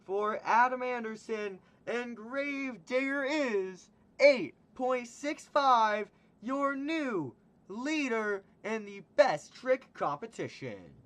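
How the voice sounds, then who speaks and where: Animated and fairly bright in tone, a man gives hyped arena announcer commentary at a monster truck show. His calls are booming and drawn out, and his voice is wearing out.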